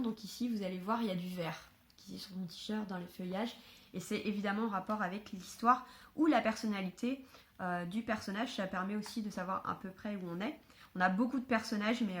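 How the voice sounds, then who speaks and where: A woman chatting casually to camera at home about books she was given, filling pauses with hesitations. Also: medium pitch, slight background noise. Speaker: book vlogger. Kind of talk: casual book haul chat.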